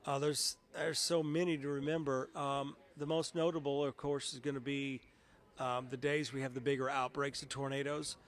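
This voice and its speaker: A middle-aged television meteorologist chats through a casual interview, telling stories in a conversational, anecdotal way. His voice is mid-range and flat in delivery, at a normal speed.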